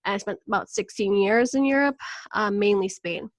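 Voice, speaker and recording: Speaking at a moderate pace with no echo, this woman in her thirties from Venezuela has a mid-range voice. She's a wellness coach guesting on a podcast, recounting her life story with frank, animated energy and frequent laughter.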